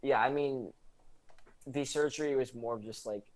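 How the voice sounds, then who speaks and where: A man's voice: medium pitch, moderate pace, poor audio. A young man, a student, chatting casually as a podcast guest, rambling with many fillers. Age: young adult. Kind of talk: casual chat.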